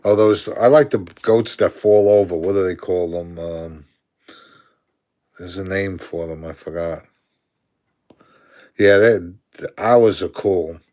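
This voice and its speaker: A Brooklyn man in his sixties chats casually on a live stream, reading viewer comments aloud, answering them and chuckling often. His low, slightly mellow voice moves slowly with long pauses, carrying a Brooklyn accent.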